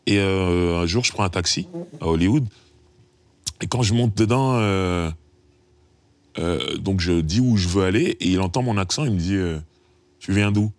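A middle-aged man from France, a rapper guesting on an interview, telling lively stories and acting out the dialogue. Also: deep voice, normal speed, pauses often. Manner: lively storyteller, acts out dialogue, chuckles often. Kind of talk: casual interview anecdotes.

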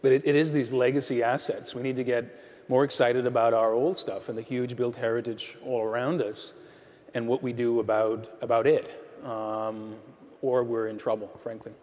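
A man in his thirties speaks in a measured, frank way as a panelist in a large auditorium. His lapel mic catches a long hall reverb around a mid-range voice. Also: medium pitch, flat delivery, a little mellow. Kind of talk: panel discussion.

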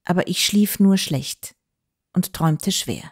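A woman reading an audiobook aloud in measured, even storytelling. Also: fairly low pitch, husky. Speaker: audiobook reader. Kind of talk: scripted audiobook narration.

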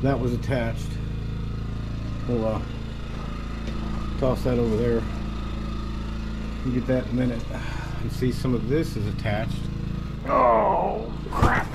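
Slow and animated, with vocal fry and frequent pauses, this middle-aged wasp-removal vlogger talks in a mid-range voice. He mutters homespun, rough-edged remarks to himself while working around a barn and yard, and a roaring vacuum and outdoor sounds dominate the audio.

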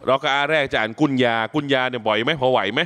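A man leads a prayer lesson for new converts in a mosque class, patient and repetitive as he walks learners through each step. His voice is smooth and resonant at an ordinary middle pitch. He chants the Arabic lines slowly so the class can follow along. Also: pushed and bright. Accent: Thai. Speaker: imam teaching prayer to new Muslims. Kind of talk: classroom instruction with recitation. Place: mosque training session.

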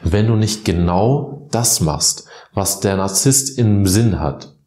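Man, very low voice, counseling talk, acts out quoted lines, echoey room. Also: expressive, slow pace, warm tone. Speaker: psychological counselor explaining narcissism. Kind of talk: explanatory talk to camera.

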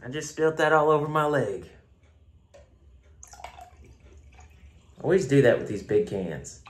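A man with a Southern US accent chats through a casual drink review on his phone camera at home, rambling and self-deprecating. His voice is a little high and expressive, at a normal speed.

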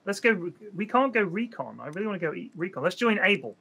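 A man's voice: high voice, sing-song, fast, bright, forceful tone. A man co-hosting a gaming stream, teasing and swearing in casual banter over a headset mic. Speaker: gaming channel co-host.

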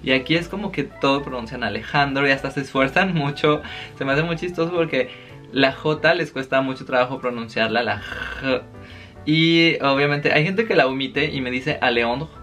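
A young man with a Mexican accent talks casually to his viewers, acting out little exchanges as he tells his stories. His voice is bright and forward. Faint music plays under him. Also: mid-range voice, moderate pace. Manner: chatty, animated storytelling with quoted exchanges. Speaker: vlogger. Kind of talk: casual chat. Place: home, living in Paris.

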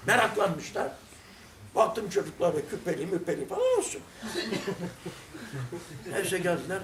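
Older male teacher, higher-pitched voice, humorous anecdotal delivery; distant mic in a roomy space. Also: wildly swooping pitch, moderate pace, crowd noise. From Turkey. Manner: humorous, acts out dialogues from his stories. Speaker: religious lesson teacher. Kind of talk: anecdotal storytelling lesson. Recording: roomy sound from a distant mic with faint noise.

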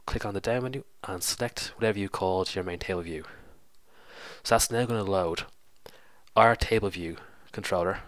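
Low, bright-toned man with a cold. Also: normal speed, no room sound. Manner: casual, explaining step by step, self-correcting. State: congested with a cold. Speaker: programming tutorial host. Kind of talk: screen-recorded coding tutorial.

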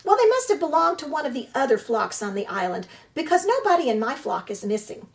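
A woman reading aloud takes on a bossy old goose from a storybook. She squawks high and loud, firing off advice in quick, scolding bursts. Her voice leaps about with lively swings. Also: vocal fry, full character voice. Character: old gray female goose, bossy and blunt.

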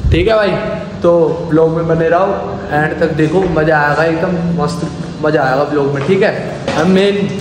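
A man with a fairly high voice talks casually to his viewers about the day's workout. He urges his friend on between sets with short, quick calls. The sound is roomy and echoey, with loud noise underneath. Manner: coaching a friend through lifts with quick urging calls. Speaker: vlogger. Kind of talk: casual gym vlog chat. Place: small indoor gym.

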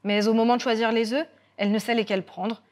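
A woman storyteller telling a folk tale with guitar accompaniment, lively and expressive with dramatic pauses. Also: a little high. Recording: guitar music throughout.

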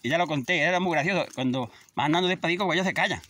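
A man's voice: a little high, rapid-fire, background noise. A man in his fifties, a shepherd chatting casually outdoors in a vlog. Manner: chatty, scolds animals between stories. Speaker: shepherd vlogger. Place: outdoors in a field.

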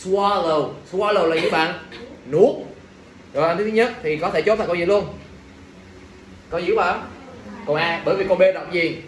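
Here the same English teacher sounds bright and high-pitched, talking at a normal speed but leaving long pauses as he leads exam review. He keeps joking with students and asking them questions, while the classroom echoes with faint background noise.

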